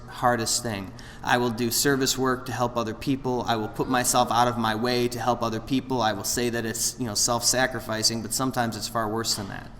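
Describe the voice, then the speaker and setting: Late-30s man, bright forceful tone, rambling self-deprecating share, echoing meeting hall. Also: mid-range voice. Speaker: speaker sharing at a recovery meeting. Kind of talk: candid personal share. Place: meeting room with an audience. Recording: roomy hall, faint background noise.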